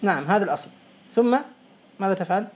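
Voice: medium pitch, lively intonation, quick pace. Patient classroom teacher, methodical, repeats examples and quizzes a pupil. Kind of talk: classroom lesson.

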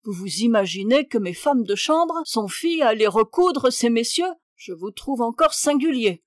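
A high-strung, imperious baroness who scolds and exclaims at every turn, as a woman reader puts her on. Her voice pitches up sharply and pushes loud when she is outraged. The reading is close and dry, with no room sound. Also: animated, normal speed, dry recording, lightly acted. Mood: indignant. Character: fussy, imperious aristocratic aunt, a baroness.

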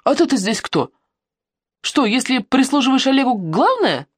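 A woman's voice: high-pitched, sing-song, normal speed, breathy edge, no room sound, clean studio sound, voice pushed up, exaggerated voice. A woman reading an audiobook, voicing a surly teenage boy who snaps back at everyone. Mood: defiant. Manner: snapping, defiant.

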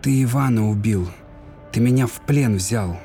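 A man's voice: medium pitch, normal speed, dark tone, soft background music, pitched above the performer's own voice, lightly acted. A man reading a fairy tale aloud, voicing a sorrowful young woman who pleads and accuses through grief. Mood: bitter.

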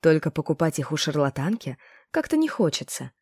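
A woman's voice: low voice, sing-song, fairly quick, darkish tone, husky, no echo, studio quality, heavily acted. A woman voicing a bold young witch who talks in a sly, mocking way, in an audiobook.

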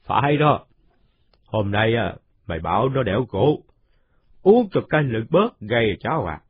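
A man's voice: mid-range voice, very animated, husky, phone-quality sound. A man doing a jovial toothless old man. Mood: hearty. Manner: slow, hearty, teasing.

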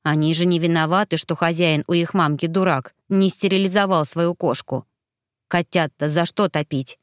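A woman voicing a sick, earnest young boy who sounds hoarse and talks slowly in a storybook reading. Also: on the low side, steady tone, no echo, clean studio sound, lightly acted. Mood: reluctant. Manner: slow, reluctant, earnest.

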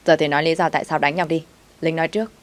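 A woman's voice: deep voice, fairly even intonation, racing, close to an everyday voice. Woman doing a scolding restaurant boss man. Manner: barking, scolding. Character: angry middle-aged male restaurant owner.

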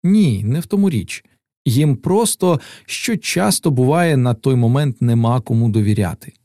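A man reading a gentle, thoughtful young woman's lines in an audiobook, lifting his voice slightly. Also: medium pitch, animated, normal speed, dry recording, clean studio sound, lightly acted.

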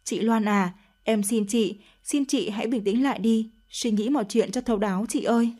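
A woman's voice: a little high, normal speed, warm tone, natural voice. A woman voicing a scornful young lover. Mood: pleading. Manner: pleading, then scornful. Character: young man, torn then disgusted lover.

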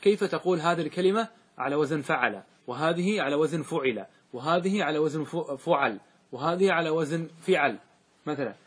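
A man's voice: fairly high pitch, a bit bright, husky. A man teaching a grammar lesson in a classroom, quizzing his students and having them answer back. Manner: questioning, drills students in call and answer.

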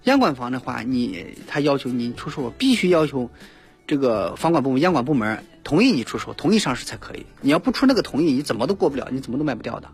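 A man's voice: mid-range voice, sing-song, quick pace, slightly rough, soft background music. A man giving spontaneous legal advice as a radio guest, emphatic and repeating himself.

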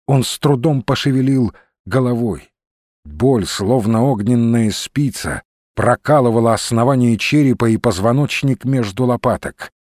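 Man, audiobook narration, measured storytelling, dry studio sound. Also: medium pitch, darkish tone, no room sound. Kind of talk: scripted narration.

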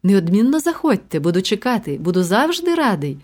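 A gloomy, thin, trembling man speaks in a storybook reading, anxious and blunt about grim things. A woman reads him out with barely any change from her own voice. Her pitch sits in an ordinary middle range. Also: big pitch swings, brisk, darkish tone. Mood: morbid, polite.

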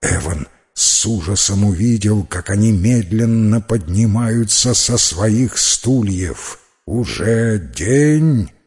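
A man narrating a fairy tale as an audiobook, in slow, even storytelling. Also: fairly low pitch.

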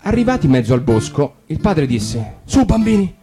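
Over guitar music, a male actor narrates a fairy tale for radio in a medium-pitched voice at a moderate pace. His storytelling is warm and expressive with lively emphasis.

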